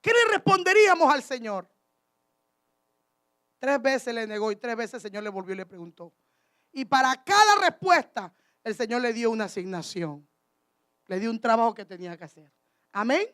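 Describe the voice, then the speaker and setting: A woman's voice: on the high side, lively intonation, normal speed, long pauses, fairly bright tone. A woman preaching a sermon, speaking emphatically and calling out to her congregation.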